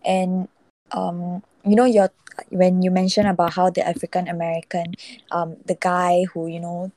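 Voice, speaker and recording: A woman hosting a casual podcast, speaking haltingly as she searches for her words. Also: fairly low pitch, little pitch movement, warm tone, dry recording.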